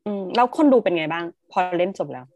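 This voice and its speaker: A woman moderating a webinar panel over a video call, chatty and quick to react and joke. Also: lowish voice, sing-song, a little mellow, no echo, muffled recording.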